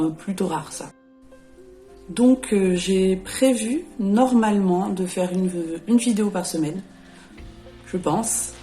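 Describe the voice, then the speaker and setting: A woman's voice: fairly low pitch, gravelly, warm tone. A woman in her late thirties introducing herself and her channel in a casual vlog, hesitant, with many fillers and self-corrections. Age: 30s. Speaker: YouTuber presenting her channel. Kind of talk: casual vlog talk to camera.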